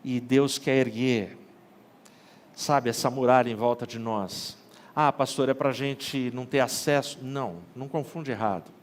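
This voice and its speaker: A man, a pastor preaching an online sermon in a colloquial way and acting out the dialogue in his stories. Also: mid-range voice.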